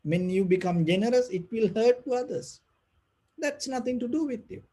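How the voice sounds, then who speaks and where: A man who speaks English as a second language gives an unscripted spiritual talk as a meditation teacher, gentle and halting, with a soft breathy voice and repeated phrases. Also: very high-pitched, lively intonation. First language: not English.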